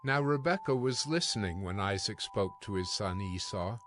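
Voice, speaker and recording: A man's voice: on the low side, animated, normal speed, music in the background. A man narrating dramatized scripture as a scripted storytelling reading.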